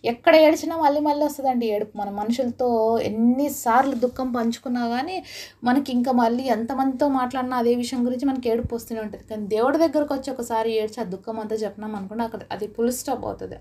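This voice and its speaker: Woman preacher, husky, mellow, earnest questioning sermon. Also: a little high. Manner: earnest, asks listeners many questions. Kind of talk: devotional sermon with prayer.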